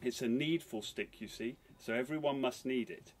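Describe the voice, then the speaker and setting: A man reading aloud voices the puppet Mister Punch as a sly, menacing, insinuating male figure with a husky tone. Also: mid-range voice, unhurried, natural voice.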